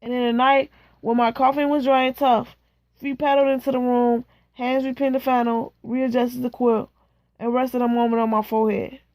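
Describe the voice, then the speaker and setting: A woman reading a novel aloud in a slow, measured way, stopping now and then to chat casually. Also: on the high side, level tone, darkish tone, no room sound. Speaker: reader.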